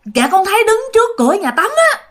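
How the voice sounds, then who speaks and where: A woman's voice: extremely high pitch, animated, brisk, pushed and bright, voice pushed up, heavily acted. Woman doing a scared little girl. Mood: panicked. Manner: panicked pleading. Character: frightened little girl, youngest of three sisters.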